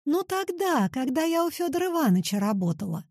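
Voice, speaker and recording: A woman's voice: sits high, brisk, no echo, clean studio sound, pitched above the performer's own voice. A woman doing a spry, boastful old grandmother. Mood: playful. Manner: lively, playful, boastful.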